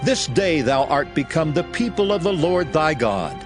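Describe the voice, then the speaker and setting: A man's voice: a little high, sing-song, moderate pace, music in the background. An actor playing an earnest lawgiver instructing his nation, solemn and exhorting, in a dramatized King James Bible reading.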